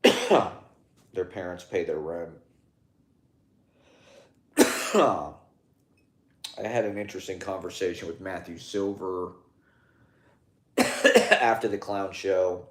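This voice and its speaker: In a roomy recording, a deep-voiced man who works as a clown talks casually to his phone, wandering from thought to thought with halts, fillers and restarts.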